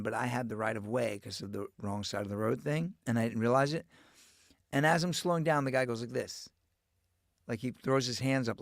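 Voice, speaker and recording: A man's voice: medium pitch, creaky, no room sound, clean studio sound. A man from Long Island, New York, with a Long Island accent, co-hosting a casual podcast and telling stories animatedly, swearing freely. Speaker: podcast co-host.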